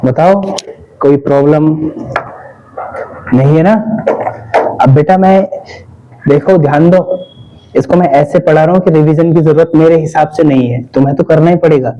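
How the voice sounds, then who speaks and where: Coaxing male teacher, mellow lo-fi classroom sound. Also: fairly high pitch, normal speed, long pauses. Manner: coaxing, quizzes students with repeated questions. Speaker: physics teacher. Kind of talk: classroom lecture.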